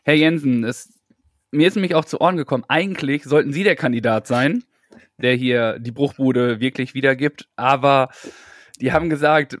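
A man's voice: medium pitch, dry recording, clean studio sound, natural voice. A man playing a mock-earnest tenant or surveyor in an improvised comic phone role-play, formal, polite and a little hesitant.

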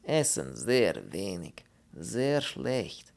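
A man voicing a bearded Polish émigré who speaks slow, broken German with a Polish accent. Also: sits low, huge pitch swings, gravelly, exaggerated voice. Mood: stubborn. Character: impoverished Polish male émigré, bearded, smug.

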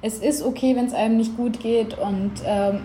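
A woman's voice: fairly high pitch, fairly even intonation, normal speed, warm tone, a little hiss or hum. A young woman giving an interview in a casual, earnest and persistent way, drawing on her own experience. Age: young adult. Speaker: interview guest. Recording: roomy echo.

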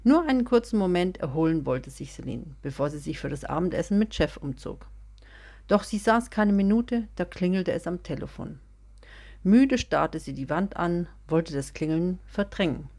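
A woman narrating a serialized German audio story in a calm, even reading voice. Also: lowish voice, normal speed. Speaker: podcast storyteller.

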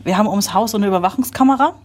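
A woman's voice: medium pitch, racing, darkish tone. A woman chatting casually as a podcast guest, talking in a chatty, easygoing way. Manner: chatty, laughs often. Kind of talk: casual chat.

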